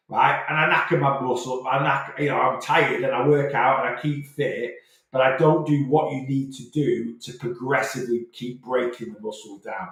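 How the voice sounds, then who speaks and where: A man chats through a live weight-loss Q&A at a middling pitch, circling back and repeating his phrases as he reassures viewers. His voice bounces around a strongly echoing room. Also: gravelly, a bit bright. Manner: chatty, repeats himself, stops and starts, direct and reassuring. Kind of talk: casual live stream chat. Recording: very echoey room.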